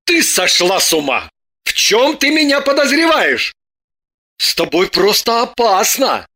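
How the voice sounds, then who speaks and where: A man's voice: high-pitched, big pitch swings, a little slow, bright, forceful tone, exaggerated voice. A man voicing a bewildered middle-aged husband who keeps defending himself with indignant, theatrical protests.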